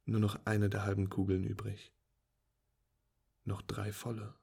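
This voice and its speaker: Male first-person narrator, low husky voice, calm and wry delivery. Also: a little slow. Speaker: storyteller.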